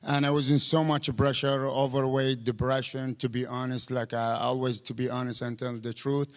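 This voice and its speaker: A man in his thirties from Iraq with an Iraqi accent, answering interview questions haltingly and searching for words. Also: mid-range voice, little pitch movement. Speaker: fighter guest. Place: indoor arena venue.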